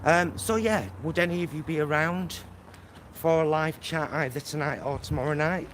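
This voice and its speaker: Walking his neighbourhood street with his phone on a selfie stick, a male vlogger rambles casually, full of fillers. His voice sits on the high side, steady and fairly bright, at a normal speed. Traffic and street noise come through the phone recording.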